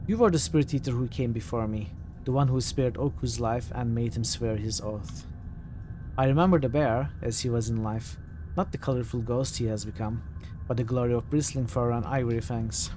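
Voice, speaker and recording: A man's voice: medium pitch, moderate pace, noisy background, pitched below the performer's own voice, close to an everyday voice. A man voicing a very old, weary spirit, cryptic and urgent, in a video game. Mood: grave, weary.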